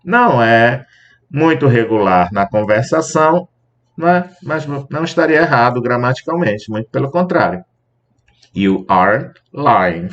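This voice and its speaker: A man teaching an English grammar class, explaining patiently, spelling out letters and repeating example sentences slowly. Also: mid-range voice, expressive, a bit bright, lo-fi sound. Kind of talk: recorded grammar lesson.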